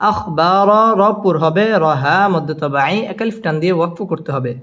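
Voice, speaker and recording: A man teaching Quran recitation, spelling out letters and chanting verses slowly with tajweed. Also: a little high, a bit bright.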